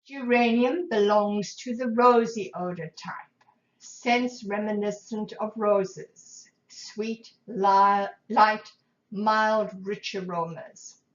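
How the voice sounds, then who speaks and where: A woman presenting aromatherapy in a calm instructional talk, gentle and measured, lingering over lists of scents. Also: medium pitch, roomy sound, muffled recording.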